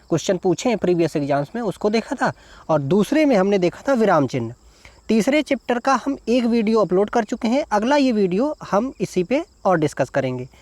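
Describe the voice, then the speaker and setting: A man's voice: high-pitched, a little mellow, no room sound. A male teacher giving an exam-prep lesson, explaining each answer step by step and spelling words out syllable by syllable. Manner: explains step by step, repeats "देखिए" and "ठीक है".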